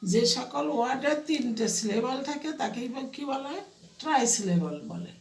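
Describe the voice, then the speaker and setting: A woman teacher giving an online grammar lesson to young pupils, spelling words out slowly and asking and answering her own questions. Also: on the high side, lively intonation, a little mellow, reverberant, distant mic. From Bangladesh.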